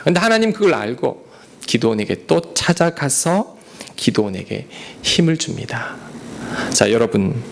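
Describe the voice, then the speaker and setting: A man preaching a sermon, his voice gravelly and full of lively pitch swings. He rises suddenly to loud, pressing lines and drops to soft, whispered asides. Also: a little hiss or hum. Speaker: pastor.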